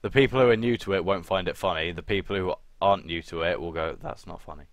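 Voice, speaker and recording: A man's voice: low-pitched, fast, dry recording. A young man co-hosting a casual podcast chat, blunt and swearing freely with dry jokes. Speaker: podcast co-host.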